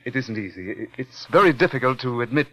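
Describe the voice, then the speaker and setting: Brief: a halting, pleading young man, 1940s radio drama narration. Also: medium pitch, lively intonation, sharp tone, low-quality recording. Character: nervous, stammering young ex-soldier intruder. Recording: old radio broadcast with music.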